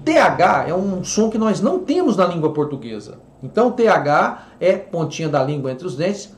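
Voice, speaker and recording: A Brazilian man gives an online English pronunciation lesson, his fairly high voice rising and falling a lot. He explains each point and drills words by repeating them slowly. The room rings with echo. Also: very animated. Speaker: English teacher.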